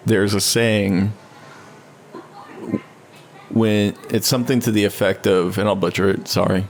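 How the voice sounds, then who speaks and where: A man co-hosting a relaxed podcast conversation, rambling and restarting his thoughts as he talks. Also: a little slow, a little hiss or hum. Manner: rambling, with many restarts, briefly mimics others in a high voice. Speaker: podcast co-host. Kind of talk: casual conversation. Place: home studio.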